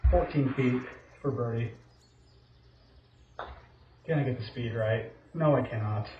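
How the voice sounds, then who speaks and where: A middle-aged man talks through his own golf shots like a casual commentator, low-key and hard on himself. His medium-pitched voice sits in a roomy indoor echo, a little dull, with faint noise behind it. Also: measured pace. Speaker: golfer narrating his own simulator round. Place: indoor home golf simulator room.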